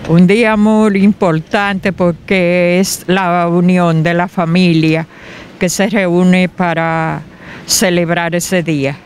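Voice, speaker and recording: A woman answering a street reporter's questions on a city sidewalk, hesitant and unhurried. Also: on the low side, steady tone, a little hiss or hum. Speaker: interviewee. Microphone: reporter's handheld mic.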